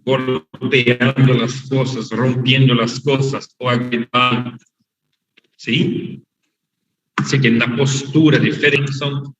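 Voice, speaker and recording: A man teaching an online medical class, his voice bright and a little strained, heard from a distance in a roomy space. He talks slowly and explains patiently, repeating each key term. The sound is muffled and lo-fi, with faint noise underneath. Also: medium pitch. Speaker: lecturer. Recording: echoey, dull, far from the mic over an unstable online connection.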